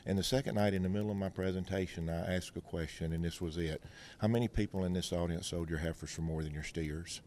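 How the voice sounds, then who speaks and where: Talking at a quick pace in a low, steady, slightly mellow voice, a middle-aged veterinarian from Mississippi explains things plainly and folksily as an interview guest. His Mississippi Southern accent carries anecdotes and analogies, with slight background noise.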